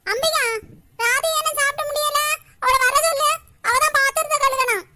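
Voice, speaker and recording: A woman's voice: very high-pitched, steady tone, moderate pace, bright, forceful tone, pitched above the performer's own voice, exaggerated voice. A woman voicing a short-tempered grandmother in a homemade comic cartoon, nagging about chores. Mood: scolding.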